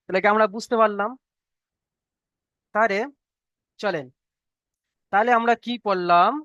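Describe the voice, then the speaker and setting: An online Quran reading teacher who goes over each letter rule slowly. The teacher repeats every point several times and keeps checking that the students follow. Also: mid-range voice, fairly even intonation, fairly bright tone, no room sound, lo-fi sound. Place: online video class, students on mute.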